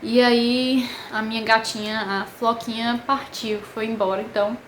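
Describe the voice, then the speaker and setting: A woman with a Brazilian Portuguese accent, telling a personal story to camera in an emotional, halting way with many pauses. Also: fairly high pitch, level tone, slight background noise. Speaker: vlogger. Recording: echoey room with faint ambience.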